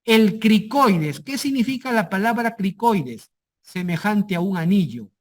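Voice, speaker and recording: Male lecturer with a high voice, repeating key terms and asking if the class follows. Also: animated, a little slow. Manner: checks understanding often with repeated questions.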